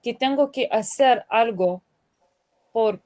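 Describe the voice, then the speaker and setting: Woman, careful halting delivery, mellow higher voice, dry close sound. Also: no room sound. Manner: careful, halting Spanish with self-corrections. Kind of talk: casual class discussion.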